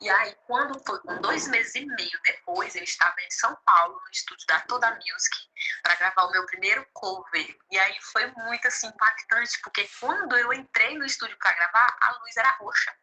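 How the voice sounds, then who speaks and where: Bright, lively Brazilian woman telling her story. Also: medium pitch, poor audio. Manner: lively storytelling, quotes others, laughs easily. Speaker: gospel singer and preacher. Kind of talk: interview testimony.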